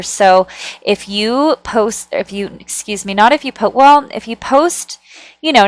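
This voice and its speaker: A woman tarot reader talks through a channeled reading in a chatty, conversational way, with a voice of middling pitch. She keeps checking in with her listener and has an air of nervous amusement. The sound is dry and close, with no room echo. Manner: speaks with nervous amusement and frequent laughter.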